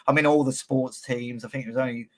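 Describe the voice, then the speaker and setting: Fast and fairly even in intonation, this mid-range male voice has a Birmingham accent. He's a podcast host from Birmingham, England, running a casual interview full of blunt lad banter and frequent swearing.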